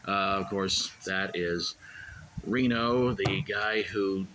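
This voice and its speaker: A man's voice: sits low, slow, pushed and bright. A man co-hosting a casual comedy podcast, rambling and stammering through stories and laughing at his own jokes. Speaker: co-host. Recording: noisy room recording.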